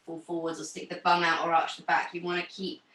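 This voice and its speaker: A young woman teaching a pilates class over a video call, giving gentle, encouraging cues. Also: lowish voice, monotone, fast talker, distant mic. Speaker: pilates instructor. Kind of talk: guided exercise class instruction. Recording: roomy sound from off the mic.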